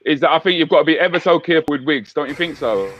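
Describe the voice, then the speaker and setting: Man hosting, higher voice. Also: very fast, a bit bright, poor audio. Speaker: talk show host. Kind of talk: casual online chat show.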